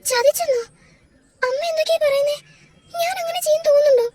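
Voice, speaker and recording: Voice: extremely high pitch, animated, fairly quick. A performer voicing a bewildered young wife in a home-made doll drama, pleading in confusion and close to tears. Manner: pleading, confused, rising to tearful.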